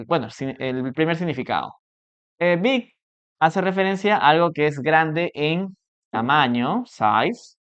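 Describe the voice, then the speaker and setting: Slow, patient man teaching English. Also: fairly high pitch, fairly bright tone, clean tone. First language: Spanish. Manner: patient, repetitive, checks understanding with frequent "okay?". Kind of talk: live online English lesson. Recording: dull lo-fi stream audio.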